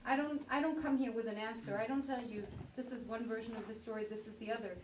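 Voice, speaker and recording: A woman with a fairly high voice speaks earnestly and with emphasis. She is off the mic in an echoey room, with faint noise behind her. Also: steady tone, fast talker, far from the mic. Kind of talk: post-show talk.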